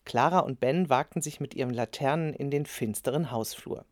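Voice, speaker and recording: A woman reading a children's story aloud with expressive storytelling. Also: very deep voice, moderate pace, no room sound, studio quality. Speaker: narrator.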